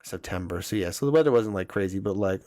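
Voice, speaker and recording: Young man, podcast host, rambling casual storytelling, profane, filler-heavy, low voice, very fast, dry close sound. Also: dark tone.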